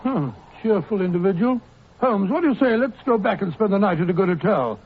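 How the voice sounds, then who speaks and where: An actor playing a fussy, comfort-loving Victorian doctor in a 1940s radio drama, blustering and stammering in dismay. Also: male voice, high-pitched, lively intonation, a little fast. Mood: uneasy. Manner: blustering, flustered, stammering exclamations. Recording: tinny old radio broadcast, faint hiss.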